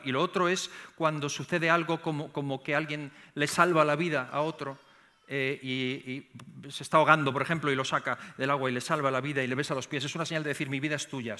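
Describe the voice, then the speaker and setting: A middle-aged man with a Spanish accent from Spain preaches a sermon in a church sanctuary. His voice is a little high and animated; he often repeats words and climbs to emphatic peaks.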